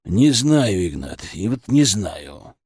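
A man's voice: lowish voice, very animated, slow pace, darkish tone, slightly rough, no room sound, clean studio sound, pitched below the performer's own voice, exaggerated voice. A man voicing a sarcastic, nervous, middle-aged male department head who grumbles about his boss. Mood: uncertain.

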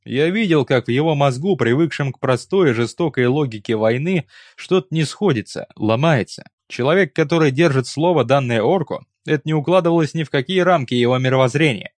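A man narrating a first-person fantasy audiobook in a measured, steady storytelling manner. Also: mid-range voice, no echo.

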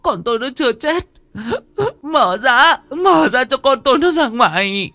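A man's voice: expressive, unhurried, bright, forceful tone, no room sound, heavily acted. A man voicing a hysterical grieving mother who wails and shrieks through sobs. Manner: shrill sobbing shrieks. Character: wailing grieving mother, hysterical, older woman.

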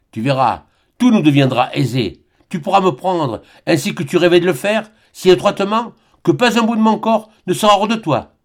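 A man's voice: high voice, voice pushed up. A man reading aloud, voicing a passionate young woman who pleads with her lover in an ardent, imploring manner. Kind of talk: audiobook character reading.

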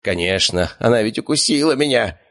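An arrogant young bully with a whiny, squealing voice, played by a man pitched far above his own. He sounds shrill and strained in an audiobook scene. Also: expressive, brisk, fairly bright tone, natural voice. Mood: squealing pain.

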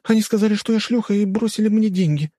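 A man's voice: sits high, fast talker, warm tone, no echo, clean studio sound, pitched above the performer's own voice. A man voicing a defiant young woman student. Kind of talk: audiobook character voice.

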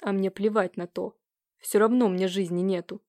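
A gloomy, heartsick young nobleman, as a woman reader plays him, speaking low and muffled. His lines come out sullen and curt. The storybook voice sits at an ordinary middle pitch. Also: steady tone, normal speed, darkish tone, dry recording, studio quality, lightly acted.

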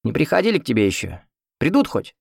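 A man's voice: mid-range voice, huge pitch swings, fast talker, creaky, slightly rough, no echo, clean studio sound, pitched above the performer's own voice, exaggerated voice. A man voicing a talkative, grumbling old man in a hospital ward, folksy and fussy. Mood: chatty. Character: chatty old male hospital patient, grumbling.

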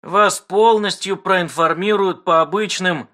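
A man voicing a calm, slow, official recorded information voice. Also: sits high, voice pushed up. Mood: detached.

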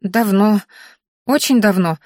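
A woman's voice: mid-range voice, takes it slowly, dark tone, dry recording, studio quality, close to an everyday voice. A woman voicing a frightened, tearful young girl who stammers and pleads. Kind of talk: audiobook character voice.

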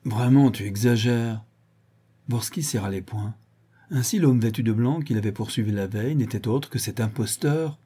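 A man reading a French novel aloud as an audiobook narrator, in a steady, measured storytelling manner. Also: lowish voice, slightly rough. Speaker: audiobook reader. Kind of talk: scripted narration.

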